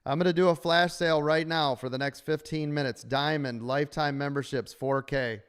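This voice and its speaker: A trading coach hosts a live stream, chatting with member stock traders in an upbeat, salesy pitch even as he loses his voice, from a sunny room full of windows. His voice is clear and resonant, steady in tone, at normal speed.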